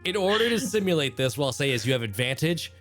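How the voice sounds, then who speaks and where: A mid-pitched game master narrates a fantasy tabletop session. The delivery shifts between playful banter and deliberate description, with music playing underneath. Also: sing-song, a bit bright.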